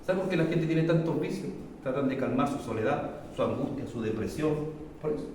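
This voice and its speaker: A middle-aged man with a Chilean accent, preaching a sermon as pastor, shifting from loud emphatic peaks to low confiding testimony. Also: expressive, a little fast. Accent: Chilean Spanish. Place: church hall. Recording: echoey church hall, mic far off, faint noise.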